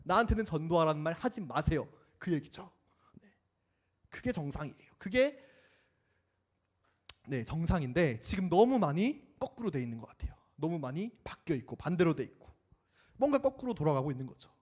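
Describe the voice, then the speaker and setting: A young man preaching a sermon in a lively way, acting out the voices of the people in his story. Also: a little high, normal speed, pauses often, slightly rough. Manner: animated, acts out quoted voices.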